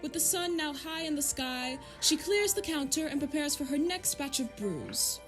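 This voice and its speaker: A woman narrates a fairytale as a prim storybook narrator, using a high, very lively voice in a polite sing-song. Fussy and controlling, she insists things go her way, sounding prim and cheerful at a normal pace over music.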